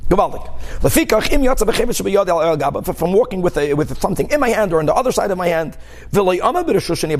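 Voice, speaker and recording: A man with a high-pitched voice teaches a religious class as a rabbi. He reads from a text and explains it informally, using examples, repetition and rhetorical questions to make each point. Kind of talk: religious text lesson, reading aloud and explaining.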